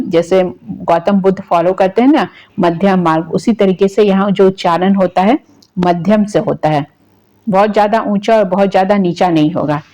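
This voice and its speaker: A woman's voice: medium pitch, mellow. Woman teaching grammar. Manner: asks questions and answers them herself, repeating key terms. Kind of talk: exam-prep lecture.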